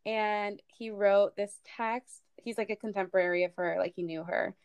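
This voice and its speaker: A woman's voice: medium pitch, fairly even intonation, moderate pace, clear, resonant tone, no room sound, highs cut off. A woman co-hosting a casual history podcast, talking in a chatty way with many fillers. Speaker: podcast co-host.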